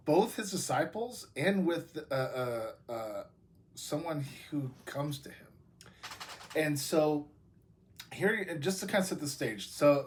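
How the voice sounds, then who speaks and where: A man with an American accent, a pastor giving a casual devotional talk, talking loosely with many fillers and restarts. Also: medium pitch.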